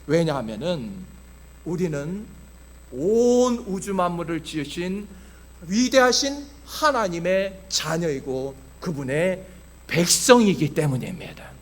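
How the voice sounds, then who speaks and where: A male pastor preaching a sermon to his church, passionate, dropping to hushed tones and then rising to loud exclamations. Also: fairly high pitch, expressive, slow pace. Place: church sanctuary.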